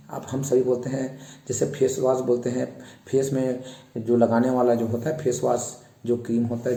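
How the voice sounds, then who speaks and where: A man teaches English vocabulary, repeating each word patiently for young learners. His voice is very dark and mellow, and the room around him gives an echo. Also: medium pitch. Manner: repeats each word slowly, pointing out face parts. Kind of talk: slow explanatory lesson for children.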